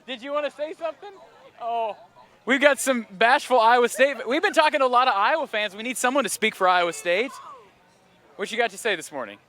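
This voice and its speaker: A man's voice: very high-pitched, a little fast, long pauses, pushed and bright. A man giving a chatty, upbeat live report as he walks through an outdoor tailgate lot near a stadium. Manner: upbeat, chatty, interviews passersby. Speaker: on-scene reporter. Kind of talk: live roving field report.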